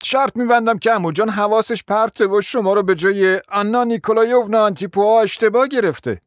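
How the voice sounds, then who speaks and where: An eager, hot-headed young nephew, voiced by a male narrator, loud and pushy, pitched well above the reader's own voice. The sound is dry and close-miked. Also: no echo, natural voice.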